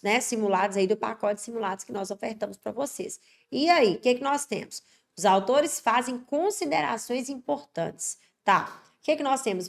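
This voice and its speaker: A woman's voice: mid-range voice, vocal fry. A Brazilian woman teaching Portuguese for exams, emphatic and chatty, constantly checking in with tag questions and slightly congested from an allergic cold. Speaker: Portuguese teacher for exam prep. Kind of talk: online exam-prep lesson.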